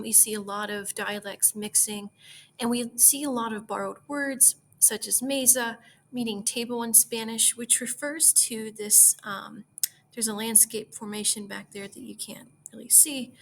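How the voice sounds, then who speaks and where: A woman's voice: on the high side, fairly bright tone, slight background noise. Young woman giving a class presentation. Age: young adult. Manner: informative, with frequent ums. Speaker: student presenter.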